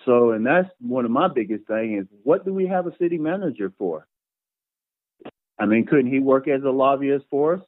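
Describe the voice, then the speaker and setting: A man, a city council candidate answering interview questions in a halting, plainspoken way with repeated words. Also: medium pitch, animated. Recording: tinny phone line.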